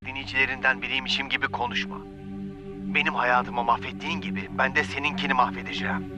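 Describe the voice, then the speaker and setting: A man's voice: mid-range voice, steady tone, quick pace. An actor playing a vengeful, menacing male hostage-taker who taunts and threatens over a speakerphone in a dubbed thriller. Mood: bitter. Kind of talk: dubbed film thriller acting. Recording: muffled phone line with music underneath.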